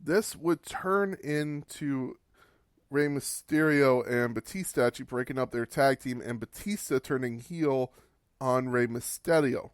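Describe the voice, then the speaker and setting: A man's voice: mid-range voice, unhurried, clean tone, no room sound, clean studio sound. A man hosting a podcast, giving a casual, wry recap of old wrestling matches and swearing for laughs. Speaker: podcast host.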